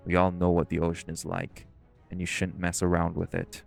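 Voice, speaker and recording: Low-pitched and completely flat, this man delivers his lines briskly with a creaky edge, over soft background music. He's acting in an audio roleplay as a bossy, protective male marine shifter leading a dive. His mood is serious and cautioning.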